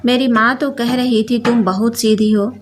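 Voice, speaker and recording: A woman's voice: fairly high pitch, fairly even intonation, moderate pace, slight background noise, natural voice. A woman voicing an arrogant rich young husband who coldly dictates terms. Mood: commanding. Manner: cold, commanding, dictating terms.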